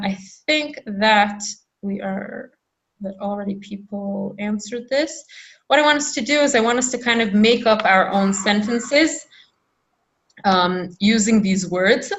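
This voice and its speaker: A woman teaching a Hebrew lesson over a video call, patient and encouraging, repeating phrases slowly for her students. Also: medium pitch, a bit bright. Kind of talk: online language lesson.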